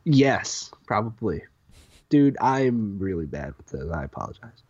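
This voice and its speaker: A man's voice: lowish voice, sing-song, measured pace, darkish tone, breathy edge, muffled recording. A man co-hosting a casual gaming podcast, reading out game lists with stumbles and laughs. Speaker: podcast co-host.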